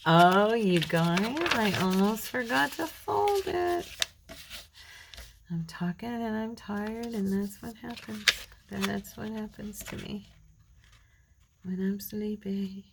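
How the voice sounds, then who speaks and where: A craft channel host, middle-aged and tired, chats to her audience in a rambling way while working, muttering quietly to herself now and then. Her mid-range, gravelly voice has lively intonation, a slow pace, and vocal fry. The background is noisy.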